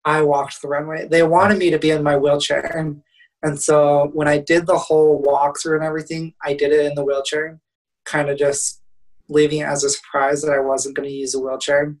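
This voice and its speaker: A man's voice: fairly high pitch, flat delivery, moderate pace, recorded from a distance, rough recording. A young man in his twenties, a motivational speaker guest, telling a funny story in a casual, laughing way.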